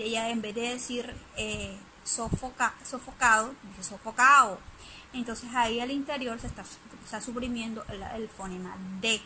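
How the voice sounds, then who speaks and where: A woman's voice: on the high side, pushed and bright, a little hiss or hum, poor audio. A woman giving a spoken lesson presentation, hesitant, with many fillers and restarts.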